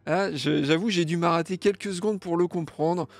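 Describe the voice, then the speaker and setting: A man's voice: fairly high pitch, normal speed, no echo. A young man hosting a music gear news show, chatting casually and jokily reading out viewer comments. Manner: lively, jokey, playfully sings comments.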